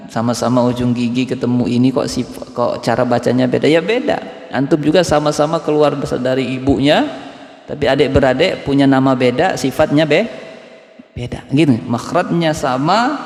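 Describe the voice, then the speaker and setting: A man teaching Quran recitation at a dawn study circle, explaining slowly and repeating letter sounds to demonstrate them. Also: mid-range voice, darkish tone. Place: mosque hall. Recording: echoey mosque hall, long reverb.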